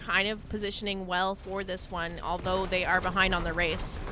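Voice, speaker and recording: A woman's voice: little pitch movement, normal speed, noisy background. A woman casting an online video game match, giving play-by-play with the hiccups, her voice jumping up on big plays. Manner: rises sharply in pitch and volume on big plays. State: has the hiccups. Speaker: esports caster. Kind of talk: play-by-play esports commentary.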